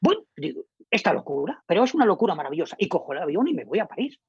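A middle-aged man with a Spanish accent from Spain tells an anecdote in a husky, rough voice, his pitch swinging widely as he acts out each quoted line. The recording is dull and lo-fi, with a dry, close sound. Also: racing, dry recording. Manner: animated storyteller acting out quoted dialogue. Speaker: radio journalist guest. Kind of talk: casual anecdote telling.

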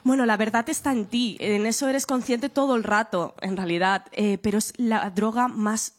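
A young woman talks openly in an interview, her voice sitting fairly high. She is candid and lively, swears without fuss and laughs as she tells her stories. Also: moderate pace. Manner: frank and expressive, swears freely, laughs while telling stories. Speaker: guest, journalist and author.

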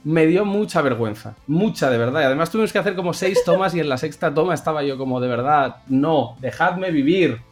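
A man's voice: a little high, animated, fast talker, few pauses, faint music behind. A man with a Spain Spanish accent co-hosting a casual chat show, joking and sarcastic. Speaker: podcast co-host.

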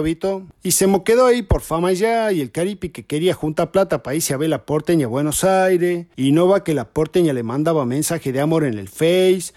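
A man's voice: fairly high pitch, mellow, dry recording, clean studio sound. A man telling a crude, slangy comic story about his friends. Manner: slangy, crude, folksy, playing all the characters.

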